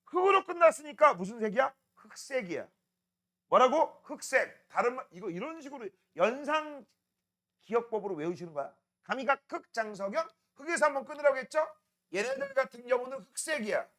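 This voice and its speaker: A man's voice: very high-pitched, sharp tone. A middle-aged male science teacher, lecturing a class, teasing and scolding students while drilling mnemonics.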